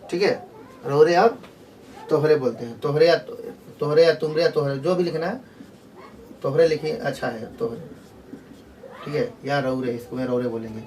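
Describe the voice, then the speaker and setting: Male teacher, slightly high voice, rambling classroom delivery, mic set back from him. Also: normal speed, pauses often, darkish tone, distant mic, a little hiss or hum, low-quality recording. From Jharkhand. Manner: loose, repetitive explaining with many restarts and fillers. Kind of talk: casual spoken grammar lesson.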